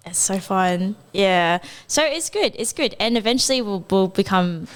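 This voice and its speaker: A woman's voice: medium pitch, lively intonation, smooth. A young woman from Sydney, a web developer chatting as a guest on a radio show in an upbeat, chatty way. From Sydney, Australia. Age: young adult. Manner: chatty, upbeat, quick to laugh. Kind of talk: casual radio chat. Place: radio studio.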